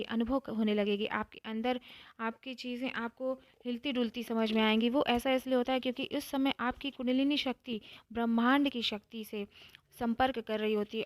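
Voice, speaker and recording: A woman giving a calm devotional talk, explaining step by step and repeating phrases for emphasis. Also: on the high side, no room sound. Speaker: spiritual teacher.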